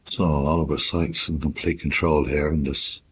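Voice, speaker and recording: A man with an extremely low voice gives quiet, unhurried commentary in the style of a golf broadcast. His phrases are short and measured, with long gaps left between them, over clearly audible background noise. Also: little pitch movement. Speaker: snooker commentator.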